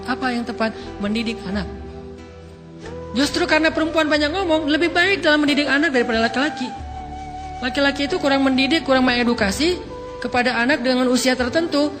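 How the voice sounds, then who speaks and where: A man's voice: extremely high pitch, long reverb tail. Man preaching a sermon over music. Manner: conversational and playful, with rising emphatic stresses. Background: background music.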